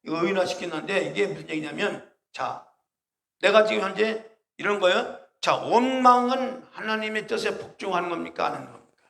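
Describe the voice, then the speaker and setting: A male pastor preaches in a church hall, pressing his listeners with rhetorical questions. His voice is high and gravelly, and it rings out in a roomy, echoing space. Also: a little fast, a bit bright. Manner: emphatic, full of rhetorical questions to the congregation. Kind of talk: sermon. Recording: roomy echo.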